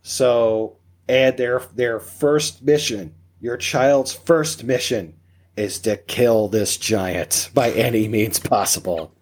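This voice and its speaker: A man's voice: medium pitch, slow pace, darkish tone. A man talking as a guest on a parenting podcast, joking and emphatic, firing off rhetorical questions. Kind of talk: casual conversational interview.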